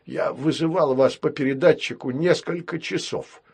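A man doing a gentle old nanny robot. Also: on the high side, normal speed, vocal fry, husky, voice pushed up. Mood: gentle, calm. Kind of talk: audiobook reading of a children's sci-fi tale.

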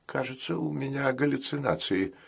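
A man voicing a gentle fretting robot nanny. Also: medium pitch, animated, moderate pace, creaky, breathy edge, pitched above the performer's own voice, exaggerated voice. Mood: bewildered. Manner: soft, fretful, scolding with care. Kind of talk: audiobook character reading.

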